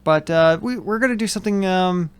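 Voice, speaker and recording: A man's voice: high-pitched, brisk, smooth. A man hosting a casual chat from his home studio, loose, joking and rambling as he talks. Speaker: host. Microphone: headphones with mic.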